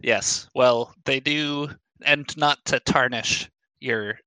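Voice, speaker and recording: A young man with a bright, clear voice talking loosely about games with friends. He wanders through his thoughts and often restarts mid-sentence. The recording is close and dry. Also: mid-range voice, takes it slowly, no room sound, rough recording. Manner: relaxed, rambling with frequent restarts. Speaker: podcast co-host. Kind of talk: casual chat.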